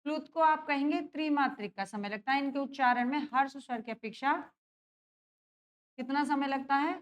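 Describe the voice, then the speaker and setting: High-voiced woman teaching a grammar class. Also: normal speed. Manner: checks in with students often, asks and answers own questions. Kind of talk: exam-prep grammar lesson.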